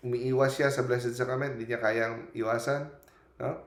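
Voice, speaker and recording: A man's voice: medium pitch, level tone, moderate pace. A man preaching a storytelling sermon, retelling scenes in quoted lines and often adding a questioning "no?". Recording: echoey room.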